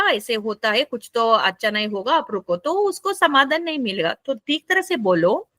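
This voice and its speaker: A woman with a South Indian accent leading a group lesson, animated and often checking in with "right?" while mixing English into Hindi. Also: sits high, no echo. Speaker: facilitator leading a group session for seniors.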